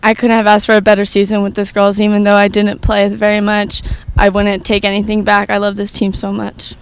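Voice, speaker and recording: A teenage girl player speaks in a near-monotone. Her voice is gravelly and fairly high. Faint noise sits behind her. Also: a little fast. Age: teens. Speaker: high school soccer player.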